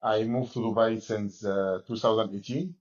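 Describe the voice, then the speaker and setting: In dull audio from a gym locker room, a forties-aged Egyptian fighter-coach answers interview questions haltingly in English, restarting often; his lowish voice is steady and a little mellow.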